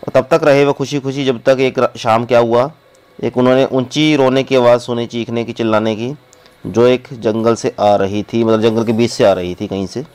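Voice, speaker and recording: A man, teaching by reading a story aloud slowly and explaining it in quick, casual asides. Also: medium pitch, fairly even intonation, a little mellow, smooth, poor audio.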